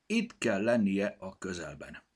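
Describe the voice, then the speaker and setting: A man voicing an earnest young male elf in a children's storybook, a gentle searcher of lost things. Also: deep voice, huge pitch swings, breathy edge, full character voice. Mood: eager.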